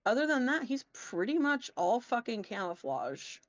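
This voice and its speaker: A woman's voice: a little high, sing-song, moderate pace, no room sound, lo-fi sound. A woman acting as game master, narrating a tabletop game casually, with informal, sweary asides.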